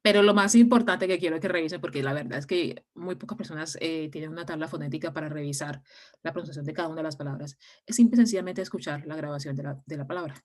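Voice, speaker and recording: A woman's voice: low voice, fast, a little mellow. A woman English teacher explaining step by step in an online class, with frequent fillers and restarts.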